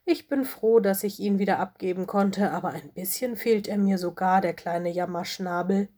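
Woman playing a tired, caring young cat who sighs, with a mellow tone, storybook. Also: mid-range voice, moderate pace, lightly acted. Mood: weary. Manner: sighing.

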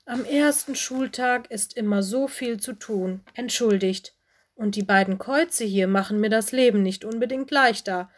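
A busy, kindly fox headmistress speaks softly but firmly, as a woman reads her, sounding motherly and composed. It is a storybook voice for children. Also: a little high, normal speed, lightly acted. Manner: gentle, softly stern.

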